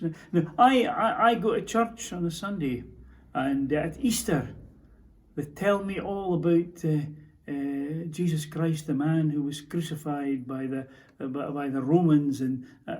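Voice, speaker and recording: A man with a Scottish accent playing a haunted soldier in a theatrical monologue, telling his story in a halting, stammering, emotional way. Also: a little high, darkish tone, natural voice. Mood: bitter. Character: Scottish soldier recounting a prisoner's execution, haunted. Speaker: stage actor. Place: theatre stage.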